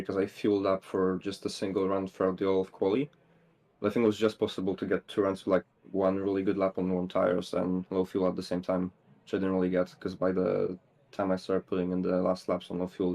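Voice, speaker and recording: Low monotone guy on race voice chat, rambling about fuel and laps. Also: a little fast, gravelly. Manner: chatty, explaining in long run-on sentences. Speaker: sim racing league driver. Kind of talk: casual voice chat before a sim race.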